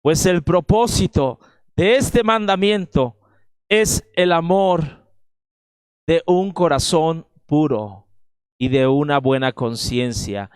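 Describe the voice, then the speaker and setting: A man's voice: a little high, clean tone, dry recording. A man preaching a sermon in a Mexican accent, emphatic and speaking straight to his listeners. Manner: emphatic preaching, addresses listeners directly with frequent "¿verdad?". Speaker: pastor.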